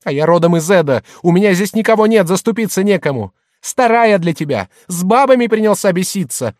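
Man voicing a shrill, jeering merchant's wife. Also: animated, a little fast, no room sound, studio quality. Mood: tearful fury. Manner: loud, mocking, hectoring. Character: shrill jealous merchant's wife, middle-aged, scornful.

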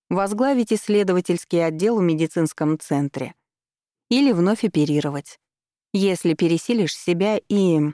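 A woman's voice: fairly low pitch, dark tone, no room sound, studio quality, lightly acted. A woman voicing a cruel, scheming middle-aged mother who talks down to her daughter with cold scorn.

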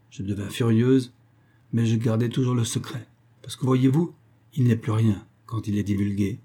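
A man's voice: fairly low pitch, mellow, husky. A man reading an audiobook voices a greedy, spiteful old woman on her deathbed, wheedling and gasping. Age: older. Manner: wheedling, mercenary, cackling. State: dying, gasping out syllables.

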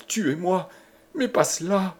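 A man's voice: medium pitch, unhurried, darkish tone, husky. A man voicing a young noblewoman who stammers and sobs her desperate pleas. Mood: desperate pleading.

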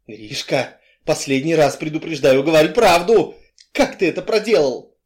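A fiery, defiant young woman, as a male reader puts her on, raised high and swooping all over as she demands answers and shouts. Her voice leaps up in pitch at every outburst. It sounds like a crime audiobook read aloud. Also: animated, moderate pace, close to an everyday voice. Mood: angry, demanding.

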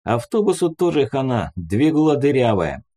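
A man's voice: mid-range voice, big pitch swings, normal speed, dark tone, voice pushed up. A male audiobook reader voicing a blunt, angry mechanic soldier who talks in crude, vehement phrases. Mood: grim.

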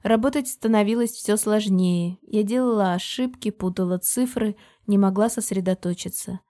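Mellow-voiced woman narrating an audiobook. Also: medium pitch, normal speed. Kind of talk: first-person audiobook narration.

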